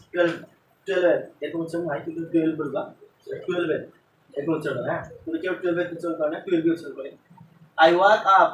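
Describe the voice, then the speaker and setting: Brief: male classroom tutor, slightly high voice, recorded from afar in a roomy classroom. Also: far from the mic, a little hiss or hum. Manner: explains line by line, quizzes the class. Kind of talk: classroom English lesson.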